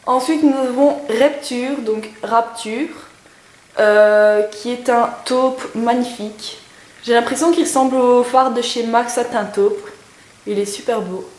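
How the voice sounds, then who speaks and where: A woman's voice: a little high, fairly even intonation, unhurried, darkish tone. A young woman reviewing makeup in a casual, chatty way, with many hesitations and lots of enthusiastic praise. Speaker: beauty vlogger. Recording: echoey room with faint noise.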